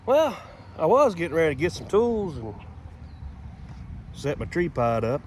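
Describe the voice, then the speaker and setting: A man's voice: on the high side, sing-song, unhurried. A man chatting in a folksy, rambling, joking way for a casual comedic vlog, recorded outdoors in a rural yard. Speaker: video creator. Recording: loud outdoor background noise.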